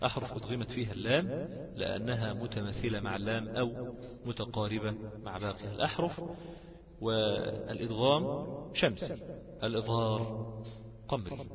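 A man with an Egyptian accent teaching a lesson on reciting rules, asking rhetorical questions and chanting lines of verse slowly. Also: lowish voice, steady tone. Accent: Egyptian Arabic. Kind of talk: Egyptian colloquial lesson on tajweed. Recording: echoey, long reverb, dull lo-fi sound.

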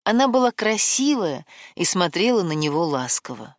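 A woman narrating a novel as an audiobook, with an expressive, varied reading. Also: on the low side, moderate pace, no echo, studio quality.

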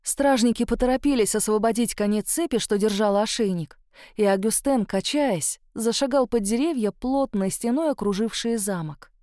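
A woman's voice: on the high side, normal speed, dark tone, no room sound, clean studio sound. A woman reading a novel aloud in first person, voicing a young heroine. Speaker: audiobook narrator.

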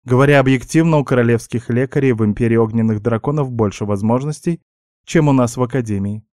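A man doing a calm woman healer. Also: mid-range voice, fast, no echo, studio quality, close to an everyday voice. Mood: reassuring. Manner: composed, reassuring, matter-of-fact. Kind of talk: audiobook character voice.

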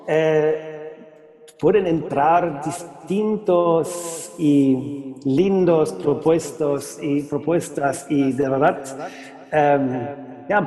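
Slow, halting German-accented man in a hall. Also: on the high side. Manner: halting, searching for words. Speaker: guest conference speaker. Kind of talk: informal lecture. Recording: echoey hall with crowd sound.

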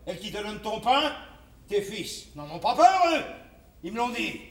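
A distant, echoing stage recording of a jeering army sergeant. He barks like a drill sergeant in a very high, swooping voice, interrogating and mocking with theatrical relish. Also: very animated, moderate pace, a bit bright, full character voice. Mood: jeering, domineering. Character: male army sergeant recruiting soldiers, bullying, sly and jeering.

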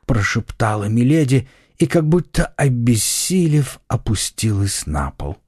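A man narrating an adventure audiobook in a scripted, expressive, dramatic way. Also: medium pitch, a little slow, slightly rough, dry recording, studio quality.

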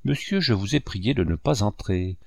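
A man's voice: on the low side, lively intonation, normal speed, creaky, darkish tone, no echo, clean studio sound. A man voicing a devoted, outspoken female servant who speaks firmly and protectively, reading a French novel aloud. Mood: earnest. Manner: firm, protective, slightly scolding.

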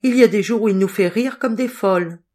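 A woman reading the lines of a lively, devoted young woman in an audiobook, in an eager and expressive way. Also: medium pitch, fairly quick, pitched above the performer's own voice, close to an everyday voice. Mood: defending.

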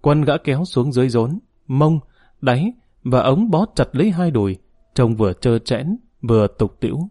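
A man reading a novel aloud in a steady, measured storytelling voice. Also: mid-range voice, no room sound, studio quality. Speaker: narrator. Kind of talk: audiobook narration.

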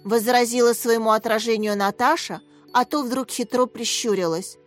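A woman with a fairly high voice reads a story in an expressive audiobook style. She lifts her tone for each character. Soft music plays quietly underneath. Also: normal speed. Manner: gives each character a slightly raised, lively voice. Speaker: audiobook narrator.

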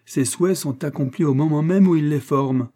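A man reading the part of a mocking, witty young male friend in an audiobook, teasing in a lively raised voice. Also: a little high, normal speed, voice pushed up, lightly acted.

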